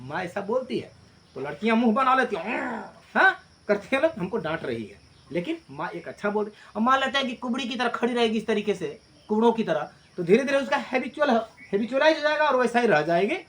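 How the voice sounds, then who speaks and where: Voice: mid-range voice, big pitch swings, brisk, a bit bright. Emphatic teacher explaining a poem. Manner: mixes Hindi with read-out English lines; emphatic, repeats key lines.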